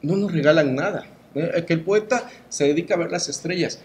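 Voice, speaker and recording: A man's voice: fairly high pitch, brisk, a little mellow. A middle-aged man with a Mexican accent giving opinions in an interview as a cultural promoter, speaking emphatically and rhetorically with frequent tag questions.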